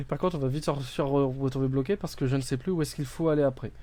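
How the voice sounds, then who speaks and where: Mellow-voiced man streaming a game. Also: medium pitch, steady tone, fast talker. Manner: thinks aloud, hesitant, many fillers and restarts; reads game text aloud and translates it. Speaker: gaming streamer. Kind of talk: casual let's-play commentary.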